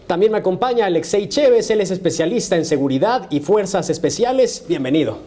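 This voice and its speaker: A man's voice: high voice, animated, a little fast, warm tone. A man presenting a current affairs panel show in a formal television style, as its host.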